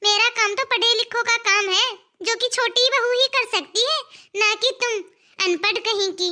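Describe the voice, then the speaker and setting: A voice actor playing a bossy, scolding older village mother-in-law in an animated cartoon. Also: very high voice, moderate pace, heavily acted. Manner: scolding, boastful, belittling. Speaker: cartoon character.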